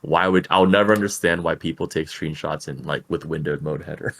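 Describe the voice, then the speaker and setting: A man's voice: extremely low pitch, a little fast, fairly bright tone. A man co-hosting a game review show, chatting casually with blunt, slangy remarks.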